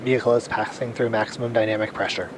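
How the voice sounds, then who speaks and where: A man's voice: lowish voice, fairly even intonation, quick pace. A man giving clipped, procedural mission control radio callouts as a launch operator over a noisy comms channel.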